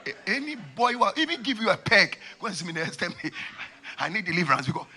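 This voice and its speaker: A man in his forties with a West African accent and a husky voice, preaching and telling stories, repeating phrases for emphasis into a handheld microphone. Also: high voice, sing-song, quick pace, sharp tone. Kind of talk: sermon with storytelling. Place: large church auditorium, on stage.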